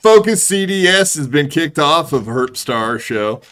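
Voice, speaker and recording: A man's voice: fairly high pitch, very animated, unhurried, a bit bright. A man hosting a podcast, needling his guests with sarcastic, crude jokes. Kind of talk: crude joking banter.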